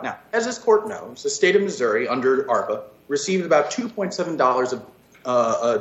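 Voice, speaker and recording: Casting: male lawyer, lively intonation, emphatic formal argument, roomy dull call sound. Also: fairly high pitch. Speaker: attorney. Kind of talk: oral legal argument. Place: echoey room on a virtual hearing. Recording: echoey, dull video-call audio.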